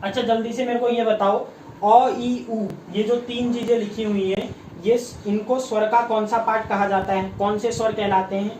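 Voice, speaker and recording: A man's voice: high-pitched, little pitch movement, normal speed, a little mellow, a little hiss or hum. Man teaching a live online class. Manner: drills students with repeated questions, reads out comments. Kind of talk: live online exam-prep lesson. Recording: echoey room, mic at a distance.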